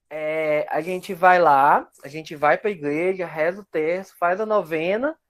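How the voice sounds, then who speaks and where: A young man, a researcher guest explaining his work reflectively at length. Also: sits high. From Amazonas, Brazil. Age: young adult. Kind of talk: casual interview.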